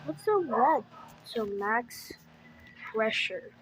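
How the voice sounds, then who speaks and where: High-voiced woman rambling through a reaction. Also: expressive, very slow, husky, low-quality recording. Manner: rambling, stumbling over her words. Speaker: video reactor. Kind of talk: casual reaction commentary.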